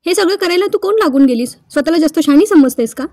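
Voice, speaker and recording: A woman's voice: extremely high pitch, expressive, fast talker, dark tone, no room sound. A woman voicing an angry young man from a TV serial who scolds sharply, read out in a plain voice. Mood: angry scolding.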